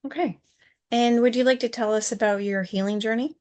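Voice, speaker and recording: A woman's voice: a little high, fairly even intonation, brisk, darkish tone. A woman hosting an interview, asking brief, polite questions. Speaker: interview host. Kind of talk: casual interview chat.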